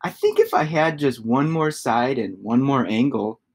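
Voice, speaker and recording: A man's voice: medium pitch, measured pace, darkish tone, natural voice. Children's storybook character, male reader: talking geometric shape, plaintive, restless, dissatisfied. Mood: restless, wishful.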